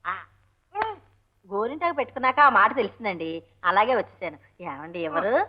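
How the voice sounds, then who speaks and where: An actress playing a naive, chatty young wife who speaks sweetly and coaxingly in an old film comedy. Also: female voice, mid-range voice, lively intonation, brisk, lightly acted. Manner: sweet, coaxing, hard of hearing. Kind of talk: 1970s Telugu film comedy. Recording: dull lo-fi film soundtrack.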